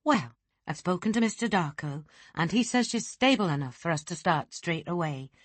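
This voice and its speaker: A woman voicing a gentle, pleasant middle-aged nurse with a Scottish accent in an audiobook. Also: on the low side, lively intonation, normal speed, no echo.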